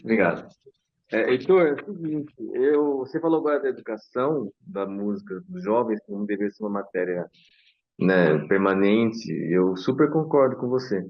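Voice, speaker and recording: A man's voice: fairly low pitch, lively intonation, normal speed. A man with a Brazilian Portuguese accent asking a casual, agreeable question on a call. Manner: conversational, agreeable. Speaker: audience member asking a question. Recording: dull lo-fi sound.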